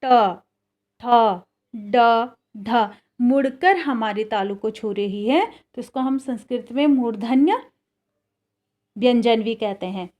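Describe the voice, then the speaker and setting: A woman teaching children in a slow, patient lesson voice. She speaks a touch high and leaves room for the class to repeat each sound after her. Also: darkish tone.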